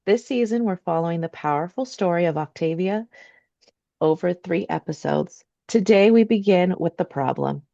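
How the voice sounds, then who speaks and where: Gravelly-voiced woman podcast host. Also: on the low side, animated, normal speed, mellow, muffled recording. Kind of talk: interview podcast.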